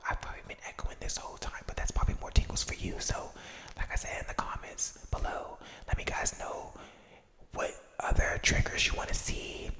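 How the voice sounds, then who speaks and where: An ASMR creator of unclear gender whispering a casual, reflective personal ramble in a hesitant, self-correcting way, with an echo effect on the voice. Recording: long echoing reverb on whisper.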